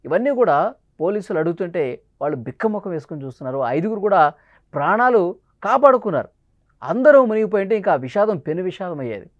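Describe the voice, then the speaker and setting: A high-pitched man delivers news commentary at a brisk clip. His tone moves from pointed questions to grave reflection, and the recording is dry and dull, with a lo-fi edge. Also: big pitch swings, no echo. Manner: urgent, questioning, somber. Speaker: news presenter.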